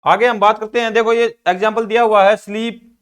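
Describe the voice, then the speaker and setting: A man's voice: sits high, flat delivery, a little fast, a bit bright, clean tone. A man teaches a class. He asks questions and answers them himself, and keeps saying "ठीक है भाई" as he explains each point. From Haryana, India. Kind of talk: classroom lecture explaining English pronunciation.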